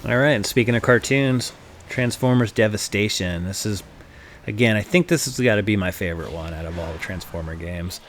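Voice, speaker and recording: A man's voice: lowish voice, a little fast, a little hiss or hum. A man hosting a casual, enthusiastic video game commentary, informal and fannish in the way he talks. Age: adult, grew up with the original cartoon. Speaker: video host. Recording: voice-over with loud game music. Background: loud game music.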